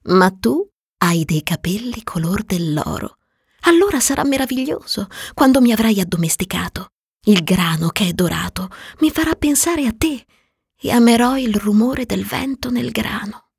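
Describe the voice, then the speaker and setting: Woman doing a wistful female fox, storybook, soft, patient, breathy, lively pitch. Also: moderate pace, dry recording, studio quality, exaggerated voice. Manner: soft, patient, sometimes whispering. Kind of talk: storybook reading.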